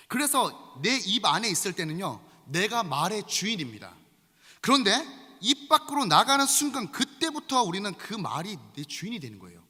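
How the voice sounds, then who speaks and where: Lively, bright-voiced preaching man. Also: high voice, breathy edge. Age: 40s. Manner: lively, conversational preaching with frequent appeals to the congregation. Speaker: pastor. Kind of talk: sermon. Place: large church sanctuary. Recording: long reverb of a large hall.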